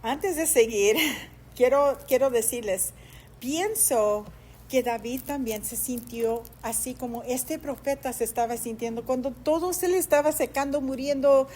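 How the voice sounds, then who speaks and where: High-voiced woman pastor preaching. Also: a little slow. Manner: heartfelt, animated storytelling with hesitant fillers. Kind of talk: sermon. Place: church sanctuary.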